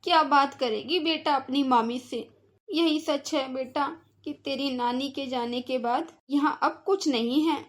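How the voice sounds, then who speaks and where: A woman voicing a hurt, gentle mother. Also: sits high, measured pace. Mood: sorrowful. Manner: soft, wounded. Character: hurt, gentle mother defending her daughter. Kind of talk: cartoon voice acting.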